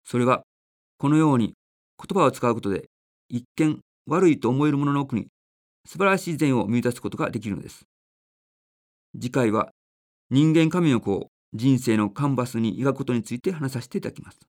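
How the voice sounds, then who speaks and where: A man giving a calm, measured spiritual talk in a polite manner, reading a story aloud and explaining it. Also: mid-range voice. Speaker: religious speaker. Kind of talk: sermon with a read-aloud story.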